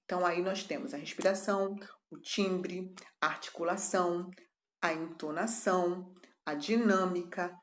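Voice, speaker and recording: A woman's voice: lowish voice, steady tone, moderate pace, reverberant. A woman teacher giving a recorded class, explaining things step by step and often checking in with a questioning tag. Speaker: arts teacher.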